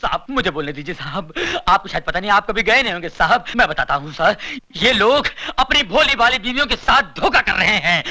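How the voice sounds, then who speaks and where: A panicky, blustering comic coward. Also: male voice, sits high, sharp tone, exaggerated voice. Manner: rambling, theatrical, preachy then panicky. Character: cowardly blustering comic man, fast-talking and excitable. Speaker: comic brothel visitor posing as social worker. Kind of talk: 1990s Hindi film comic acting.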